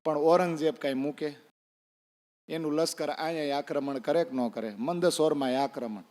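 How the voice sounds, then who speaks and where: Speaking at a normal pace, this man has a somewhat high voice with a dark tint. As a preacher in a temple hall, he relates a devotional tale, performing each character's dialogue and questioning the audience, all under a long echoing reverb.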